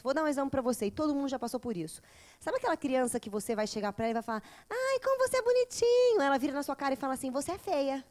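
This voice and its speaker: A woman, a therapist lecturing a class in a lively way, often acting out children and mothers. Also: high voice. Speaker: teacher of a psychology course.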